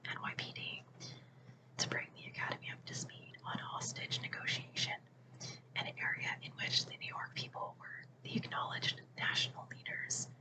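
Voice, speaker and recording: A person reading a book aloud for ASMR in a hushed, unvoiced whisper. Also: normal speed, poor audio. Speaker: ASMR reader.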